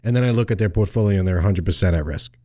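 A middle-aged man hosting a finance talk show in a relaxed, chatty way that often stops and restarts. His voice sits low and mellow. The sound is dry and close. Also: racing, no echo. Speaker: financial advisor and show host. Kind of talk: casual radio show chat.

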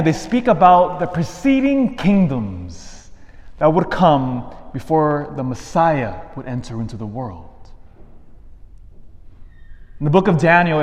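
A man's voice: fairly high pitch, darkish tone. Priest preaching in long cathedral echo, man's voice. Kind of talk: scripture reading and homily. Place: large reverberant church.

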